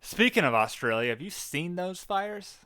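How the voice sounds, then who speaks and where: A young man co-hosting a casual podcast, rambling with frequent laughs and trailing off quietly, close on the mic. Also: high voice, big pitch swings, normal speed, smooth, dry recording. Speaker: podcast co-host. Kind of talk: casual chat.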